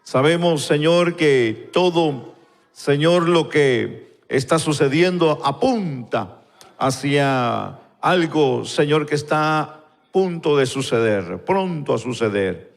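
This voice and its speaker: A man leading a slow, fervent prayer before a congregation, repeating "Lord" between phrases. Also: fairly high pitch, animated, gravelly. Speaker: pastor. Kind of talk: spoken prayer and sermon. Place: church sanctuary, recorded live. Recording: long church hall reverb.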